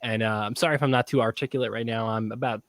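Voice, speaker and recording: A tipsy man co-hosting a casual livestream chat, excitable and rambling, swearing as he talks. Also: fairly low pitch, rapid-fire, no room sound. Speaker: podcast co-host.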